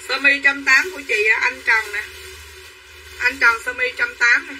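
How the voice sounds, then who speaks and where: This online clothing seller speaks at a normal speed in a high, steady, sharp voice, chattering through a repetitive hard sell and naming her buyers on a livestream. The recording is rough and distant, with a little room noise.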